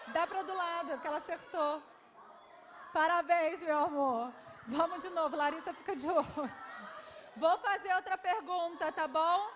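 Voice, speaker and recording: Brazilian woman historian, very high voice, coaxing quizmaster for kids, long hall reverb. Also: measured pace, fairly bright tone. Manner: affectionate, coaxing, calls children "my love". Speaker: historian hosting a quiz for schoolchildren. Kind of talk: lively quiz with children at a public event. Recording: reverberant hall, faint background noise.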